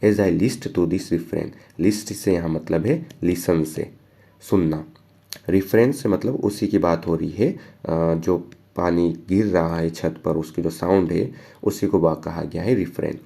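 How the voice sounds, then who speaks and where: Deep gravelly teacher. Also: male voice, mellow. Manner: reads verse lines slowly, then explains casually. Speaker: English teacher. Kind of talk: line-by-line poem explanation.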